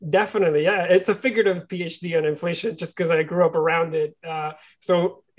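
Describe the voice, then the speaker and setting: A man's voice: a little high, steady tone, brisk. A man from Venezuela answering interview questions, often restarting and repeating words. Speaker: guest, company co-founder.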